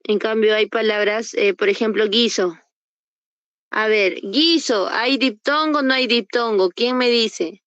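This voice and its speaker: A Peruvian university entrance prep teacher runs an online class, patiently sounding out example words and quizzing her students. Her voice is a little high, fairly bright and unhurried, recorded dry on a computer mic during a video call, with the highs cut off.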